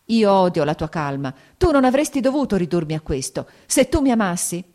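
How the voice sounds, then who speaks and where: A woman's voice: mid-range voice, sing-song, a little fast, a little mellow, voice pushed up, natural voice. A woman reading the part of an anguished, jealous young noblewoman, with tearful, pleading outbursts.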